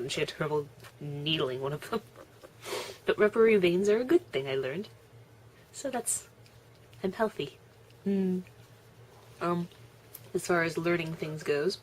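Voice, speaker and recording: A woman's voice: sits low, darkish tone, a little hiss or hum. A young woman chatting casually on her video blog, laughing often and chewing as she talks. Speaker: vlogger. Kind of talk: casual vlog chat.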